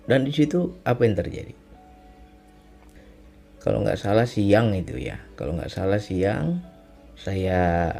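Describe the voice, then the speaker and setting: A man with a low, mellow voice telling a religious testimony, unhurried and reflective, circling back over his own phrases. Faint music sits quietly under his voice. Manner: reflective, repetitive, often ends with "ya kan". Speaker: speaker sharing a personal testimony.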